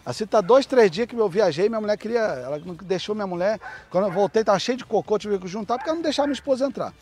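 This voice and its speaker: A man's voice: high voice, animated, very fast, darkish tone. A man hosting a casual dog vlog, chatting loosely and barking short commands at a dog. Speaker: dog breeder, channel host. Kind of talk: casual chat and dog training outdoors.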